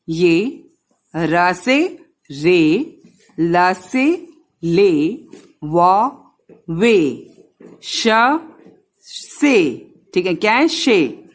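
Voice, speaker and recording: A woman with a fairly low voice teaches young children a lesson, drawing out each syllable and repeating drills. She speaks to them directly and gently.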